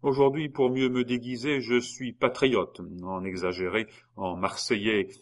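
A man's voice: mid-range voice, fairly even intonation, measured pace, pitched above the performer's own voice, close to an everyday voice. A man reading an audiobook and voicing a cold, mocking husband who taunts his wife with false politeness. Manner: sneering, mock-polite, taunting.

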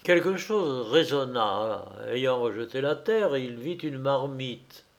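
A man narrating a folk tale in slow, expressive storytelling. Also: medium pitch.

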